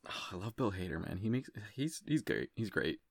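A man co-hosting a podcast in casual chat, easygoing and quick to agree, stammering as he restarts sentences. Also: low-pitched, big pitch swings, vocal fry, no room sound, studio quality. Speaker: podcast co-host.

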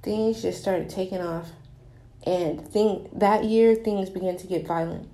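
In a measured, steady voice of medium pitch with a dark tone, a young woman hosts a podcast from her bathtub. The small bathroom gives an echo to her earnest, wandering, confessional talk.

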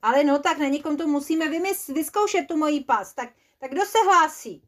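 A woman voicing a bossy, excitable male creature leader, pushy and theatrical. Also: high-pitched, voice pushed up, close to an everyday voice.

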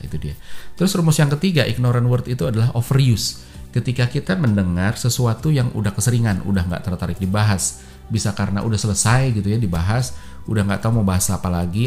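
A man's voice: lowish voice, darkish tone. A man hosting a podcast, explaining in a casual way with slang and lots of fillers. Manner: informal Jakarta slang, many fillers. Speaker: podcast host.

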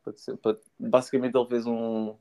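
A man's voice: medium pitch, flat delivery, fast, gravelly, warm tone. A young man chatting casually in an enthusiastic, slangy way. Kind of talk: casual chat.

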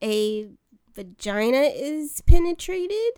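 A woman's voice: high voice, big pitch swings, slow, mellow, dry recording, studio quality. A woman guest on a podcast, answering in a hesitant, unsure way. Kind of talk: casual chat.

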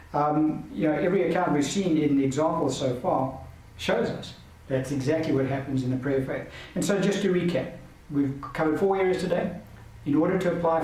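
A man's voice: a little high, darkish tone. A man giving a Bible teaching lecture in an earnest, emphatic way, driving points home through repetition. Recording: very echoey, distant mic, faint hiss.

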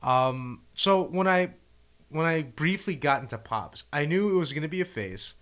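A man chatting casually as a co-host, self-mocking and quick to laugh. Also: fairly high pitch. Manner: self-mocking, laughs often, animated when excited. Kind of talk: casual chat.

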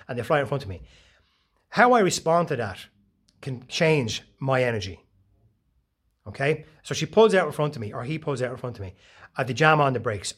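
A man, giving a casual, profane motivational talk full of animated storytelling. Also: mid-range voice. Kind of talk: casual monologue.

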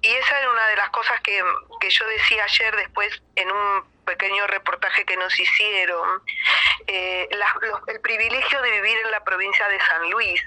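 An Argentine woman in middle age speaks with a very bright, sharp tone. She talks effusively and at length, often restarting her sentences as she chats as a guest musician in an interview. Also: medium pitch, steady tone, normal speed, rough recording. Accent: Argentine Spanish. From Buenos Aires province, Argentina. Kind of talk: casual interview chat.

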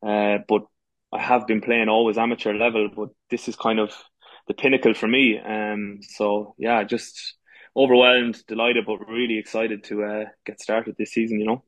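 A man's voice: lowish voice, flat delivery, moderate pace, a bit bright, no echo, rough recording. A man in his thirties from the west of Ireland with an Irish accent, chatting casually as an interview guest. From Galway, west of Ireland. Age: 30s. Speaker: podcast guest, amateur goalkeeper.

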